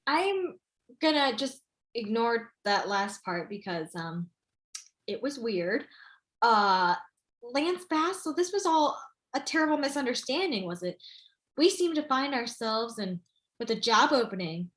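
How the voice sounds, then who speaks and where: A woman acts as a female news anchor in a comic play, with a fairly high voice. She is emphatic and announcer-like, polite in a slightly awkward way. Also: sing-song, a little slow, a bit bright. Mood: awkward, hesitant. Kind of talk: comic news-report acting.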